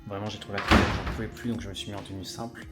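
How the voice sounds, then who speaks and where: A man's voice: lowish voice, little pitch movement, rapid-fire. A man chatting casually and effusively to a vlog audience in a camp manner, as the host. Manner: chatty, effusive, camp, calling people "ma belle". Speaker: vlog host, drag performer and makeup brand founder. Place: beauty convention pop-up stand. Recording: loud music behind, vehicle noise.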